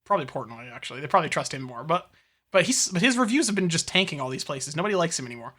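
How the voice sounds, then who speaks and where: A man's voice: on the high side, animated, rapid-fire, pushed and bright, slightly rough. A man co-hosting a podcast in casual, rambling, profane chat, now and then reading out news. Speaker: podcast co-host.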